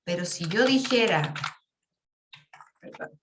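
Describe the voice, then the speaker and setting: A woman's voice: on the low side, expressive, slow pace, noisy background. Patient teacher woman, echoey room. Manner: patient, checks in with frequent "¿ya?". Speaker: English teacher. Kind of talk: online class explanation.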